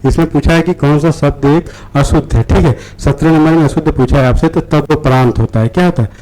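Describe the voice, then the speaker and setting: Guy with a slightly high voice going through exam questions, repeats stuff a lot, keeps saying theek hai. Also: brisk, warm tone, rough recording. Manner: repeats words, frequent "theek hai" checks. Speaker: exam-prep teacher. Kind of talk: explaining practice questions.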